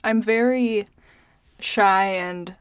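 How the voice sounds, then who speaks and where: A woman co-hosting a casual podcast speaks softly and quietly, her words settling into a creaky vocal fry. Her pitch is middling, and the recording is close and dry. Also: extremely slow, dry recording. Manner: soft-spoken, quiet. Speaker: podcast co-host. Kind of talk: casual podcast chat, reading listener email.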